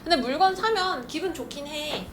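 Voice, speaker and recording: Chatty teacher woman, slightly high voice. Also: normal speed. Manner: lively, chatty, acts out little student scenes. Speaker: Korean literature teacher. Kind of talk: classroom lecture. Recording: noisy room recording.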